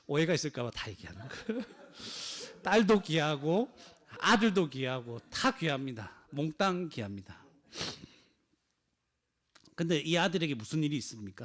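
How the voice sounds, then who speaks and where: A man preaching a sermon in a conversational style, often asking the congregation questions. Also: medium pitch. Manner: acts out quoted cries with a raised voice. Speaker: pastor.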